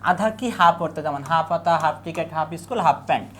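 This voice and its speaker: A young adult tutor gives an exam revision lesson. The tutor asks quiz questions and answers them in quick lists. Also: medium pitch, a bit bright, a little hiss or hum.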